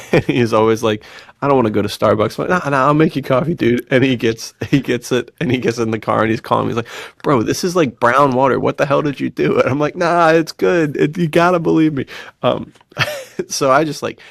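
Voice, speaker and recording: A podcast co-host with a gravelly, mid-range voice talks a little fast in studio-quality audio with no echo. In casual chat he tells slangy personal anecdotes, animated and full of laughter, acting out quoted bits of dialogue.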